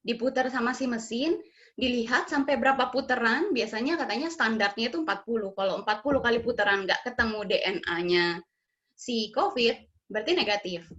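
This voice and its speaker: A woman's voice: a little high, brisk, a bit bright. Chatty middle-aged woman. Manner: chatty, acts out quoted dialogue, laughs often. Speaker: guest sharing family experience. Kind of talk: casual storytelling. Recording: dull lo-fi sound.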